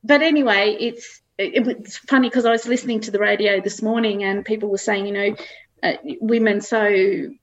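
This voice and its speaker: A woman's voice: medium pitch, fairly even intonation, normal speed, lo-fi sound. A middle-aged Australian woman, a farmer, telling anecdotes in a chatty, casual interview. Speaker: farmer guest. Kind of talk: casual chat.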